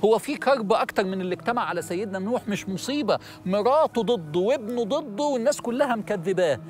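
Middle-aged egyptian guy lecturing a studio crowd, talks fast, keeps throwing questions at them. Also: high voice, faint music behind. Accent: Egyptian Arabic. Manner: animated, asks the audience questions, acts out worried people. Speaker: religious TV host and lecturer. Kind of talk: religious lesson to a studio audience.

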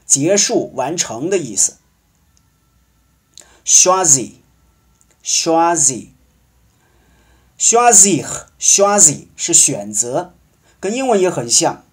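A man teaching a French lesson, explaining patiently and slowly drawing out example words. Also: a little high, very animated, husky. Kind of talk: language lesson.

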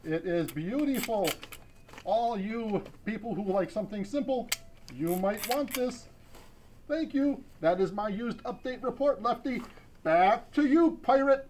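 A man playing a male photo-robot presenting used camera gear in a comic store announcement, with stiff sales-pitch patter. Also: animated, a little slow, background noise. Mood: salesy.

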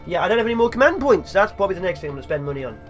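A man's voice: sits high, sing-song, very fast, soft background music. A young man hosting a game let's play, chatting and joking to himself as he plays. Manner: chatty, jokey, talks to himself while playing. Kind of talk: gameplay commentary.

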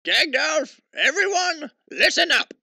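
A man's voice: extremely high pitch, very animated, slow, creaky, heavy background noise, exaggerated voice. A man voicing a bossy, self-important old dwarf leader in a cartoon parody, making theatrical speeches.

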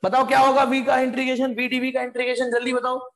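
A man teaching physics in a live online class, joking and coaxing students to answer quickly. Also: very high-pitched, monotone, fairly bright tone, reverberant.

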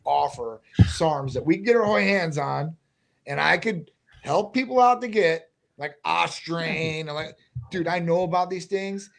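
A man's voice: on the high side, gravelly. A man who owns a clinic and co-hosts a live question-and-answer show, speaking bluntly and casually into a desk mic. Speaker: clinic owner, co-host. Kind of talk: live Q&A chat. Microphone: desk microphone.

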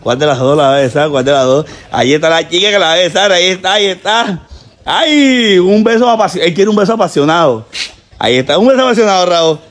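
A man with a Colombian Caribbean accent hosting a comedy prank game, teasing and laughing with shrill exclamations. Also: fast talker, a bit bright.

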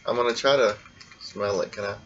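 A man hosting a casual blindfolded taste test, talking in a relaxed, rambling way. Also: on the low side, a little fast, dull audio. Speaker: food vlogger.

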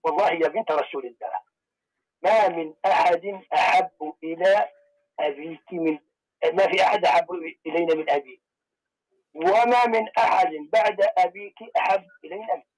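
A man, a sheikh calling in, arguing his religious position in measured, formal speech. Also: high voice, poor audio. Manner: measured, formal classical phrasing. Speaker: caller, sheikh.

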